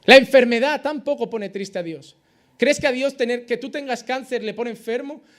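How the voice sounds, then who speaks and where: A man preaching a sermon as pastor, swinging between loud emphatic rises and quiet drops, with rhetorical questions and acted-out exchanges. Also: extremely high pitch, normal speed.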